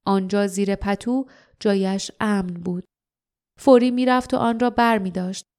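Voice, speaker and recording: A woman narrating an audiobook in a calm, even storytelling manner. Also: mid-range voice, smooth.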